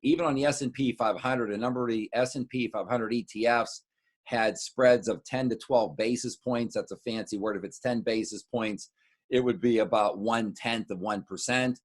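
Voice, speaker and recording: A middle-aged American wealth adviser gives clients an informal market recap in a steady, mid-range voice. He halts and repeats words as he slips in explanatory asides.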